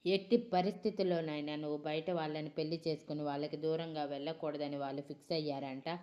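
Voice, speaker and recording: A woman voicing a smug, scheming young man who answers calmly in a storybook. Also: low voice, fast talker, muffled recording, close to an everyday voice. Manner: calm, smug replies.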